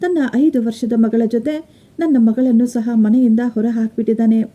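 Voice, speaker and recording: A woman's voice: on the high side, steady tone, moderate pace, highs cut off, natural voice. Woman voicing a distressed older mother.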